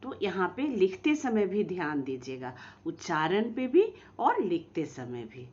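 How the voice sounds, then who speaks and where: Woman teacher for small kids, slow and sing-song, slightly muffled lo-fi recording. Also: lowish voice. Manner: slow, drawn-out pronunciation of example words; lively, coaxing teacher tone with questions to children. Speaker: school teacher. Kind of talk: recorded online lesson for young children.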